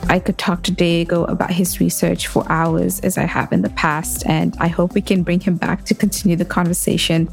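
A woman's voice: fairly low pitch, gravelly, a little mellow. A woman hosting an interview podcast, reading an enthusiastic intro before talking with her guest. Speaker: podcast host.

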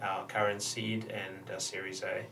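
A man with a lowish, creaky voice talks as a startup founder in a casual panel interview. He explains and gives advice, restarting phrases as he goes. He sounds set back from the microphone. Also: little pitch movement, a little slow, over music. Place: roomy space, radio show recording. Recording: roomy, distant mic with slight noise.

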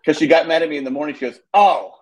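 A man's voice: fairly high pitch, very fast, rough recording. An older man co-hosting a podcast, telling stories in casual chat and acting out the voices of people he quotes. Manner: animated storyteller, acts out quoted voices. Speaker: podcast co-host.

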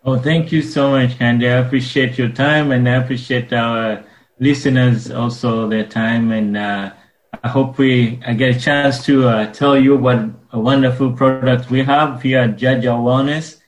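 A man from Uganda, speaking earnestly and haltingly as a guest in a radio interview. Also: mid-range voice, steady tone, echoey room, rough recording. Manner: earnest, halting with frequent pauses. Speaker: guest, wellness business owner.

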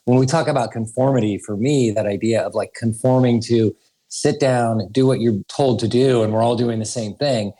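On a podcast interview, a school research director from Idaho speaks thoughtfully and earnestly, frequently starting over. His medium-pitched voice is mellow and moves at normal speed, though the recording quality is low.

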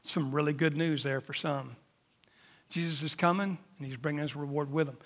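Pastor, late fifties, slightly high voice, emphatic with hushed drops, long hall reverb. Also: male voice, steady tone, normal speed. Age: 50s. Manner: emphatic preaching, dropping to near-whispers for emphasis. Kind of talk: sermon.

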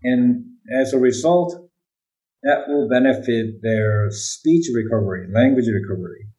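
Answering interview questions on brain research, this native Korean speaker uses English with a Korean accent and keeps asking "right?" as he explains. His voice is mid-range, warm and expressive, and a little slow. The audio sounds dull.

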